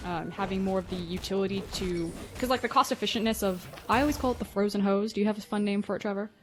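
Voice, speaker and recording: A woman's voice: medium pitch, quick pace. A woman doing color commentary on a live esports match, chatty and analytical with laughing asides.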